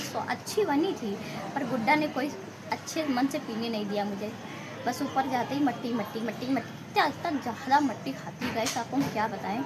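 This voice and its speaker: A woman, a mother, chatting directly to viewers in a casual home vlog. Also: on the high side. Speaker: vlogger, mother. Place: home rooftop and house. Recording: clear background noise.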